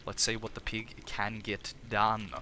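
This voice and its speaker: Australian male streamer-caster with a lowish, bright voice, chatty and quick to restart his lines. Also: slight background noise. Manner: energetic, chatty, restarts phrases, laughs at own jokes. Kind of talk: live game commentary.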